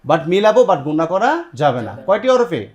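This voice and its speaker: With a high-sitting, darkish, very animated voice, a man from Bangladesh hosts a televised tajweed lesson as a Quran recitation teacher. He explains stepwise, tests his students, repeats what they answer, and pronounces Arabic words slowly.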